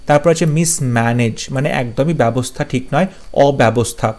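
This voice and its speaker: A man's voice: medium pitch, darkish tone. A man teaching English vocabulary in a lesson, listing words one after another, giving short meanings and checking that his students follow. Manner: lists words and gives quick meanings, checks understanding.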